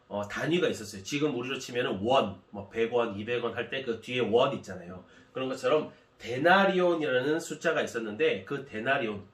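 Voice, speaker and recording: Animated man telling a story. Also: mid-range voice. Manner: animated, explanatory. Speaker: pastor. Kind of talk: children's sermon storytelling. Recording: echoey room from far off.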